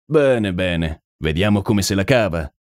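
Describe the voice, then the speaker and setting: A man voicing a calm, unflappable detective who speaks without hurry. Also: lowish voice, dry recording, studio quality. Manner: calm and unhurried.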